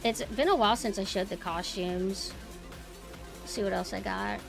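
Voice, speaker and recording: A woman's voice: mid-range voice, normal speed, creaky. A woman streamer hosting a casual live-stream chat, talking informally and thinking aloud as she goes. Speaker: streamer, VTuber host. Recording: music behind the voice. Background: background music.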